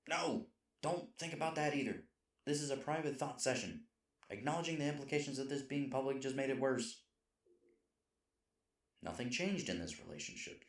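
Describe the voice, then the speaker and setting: Speaking at a medium pitch in a natural voice, a man takes the role of a sweet, self-deprecating boyfriend in an intimate roleplay audio. He sounds flustered and hesitant, rambling and correcting himself.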